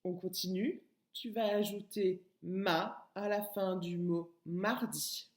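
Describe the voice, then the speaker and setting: A woman's voice: on the low side, steady tone, takes it slowly, roomy sound. A woman teacher giving a recorded lesson to young children, speaking patiently and addressing the child directly. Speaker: kindergarten teacher.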